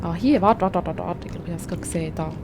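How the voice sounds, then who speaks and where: A woman's voice: on the low side, racing, noisy background. A woman with a Swiss German accent commentating a video game, chatty and swearing at the character on screen. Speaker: gaming streamer. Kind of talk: let's play commentary.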